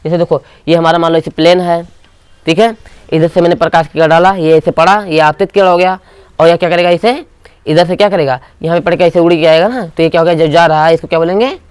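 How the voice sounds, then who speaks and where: A man's voice: a little high, steady tone, fast, clear, resonant tone, no room sound. A man teaching a physics class, asking the students short questions and repeating key terms. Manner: call-and-response questioning. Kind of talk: classroom lecture.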